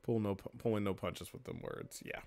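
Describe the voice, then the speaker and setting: A man hosting a let's play, reacting loudly, laughing and swearing as he comments on the game. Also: lowish voice, fairly even intonation, brisk.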